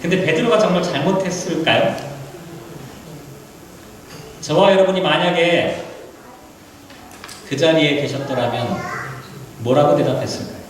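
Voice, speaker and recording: Brief: man, pastor, lively sermon delivery, voice sits high, very echoey hall, distant mic. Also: a little slow, pauses often. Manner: animated, rhetorical questions, vivid retelling. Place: church sanctuary. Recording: echoey hall, mic from afar, faint hiss.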